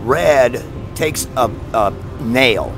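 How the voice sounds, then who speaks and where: Casting: male interviewer, casual, gravelly creak, clear outdoor vehicle noise behind him. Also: mid-range voice, animated, extremely slow.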